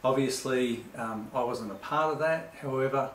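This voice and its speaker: A man's voice: mid-range voice, normal speed, a little hiss or hum. A man giving an earnest interview answer, hesitant with fillers. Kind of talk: casual spoken interview answer. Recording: echoey room.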